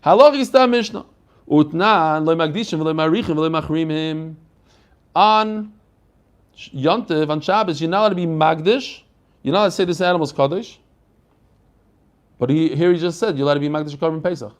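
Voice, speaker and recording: A man giving a Talmud lesson as a rabbi, explaining in animated question and answer and mixing in Hebrew and Aramaic phrases. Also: a little high, fairly quick, pauses often. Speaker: rabbi teaching a daily Talmud class.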